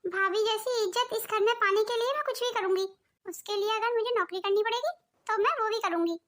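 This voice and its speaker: A woman's voice: very high-pitched, brisk, a bit bright. A woman voicing a jealous, scheming young daughter-in-law in a cartoon, with a sulky, complaining manner. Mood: resentful.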